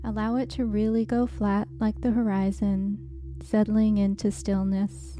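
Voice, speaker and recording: A woman leading a guided hypnosis relaxation in a soothing, unhurried, gentle instructing manner. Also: mid-range voice, flat delivery, a little hiss or hum.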